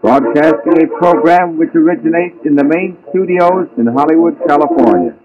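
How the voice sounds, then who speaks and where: A man giving a formal 1930s station announcement in a measured, declamatory way, heard as an old AM radio broadcast. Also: on the high side. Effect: old AM radio broadcast sound. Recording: muffled 1930s AM radio broadcast with loud music.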